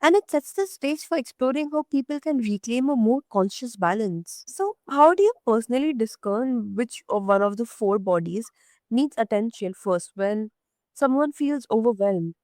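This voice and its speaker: A woman's voice: on the high side, expressive, darkish tone, dry recording, studio quality. Polished woman interview host. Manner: polished, measured, written-sounding phrasing. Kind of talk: scripted interview questions.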